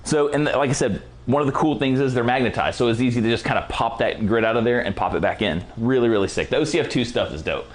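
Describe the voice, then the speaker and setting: A man teaching a casual photography lighting tutorial in a relaxed, slangy, enthusiastic way while he is losing his voice. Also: mid-range voice, fast talker, few pauses, slight background noise. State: losing his voice, clearing throat. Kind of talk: casual product walkthrough tutorial.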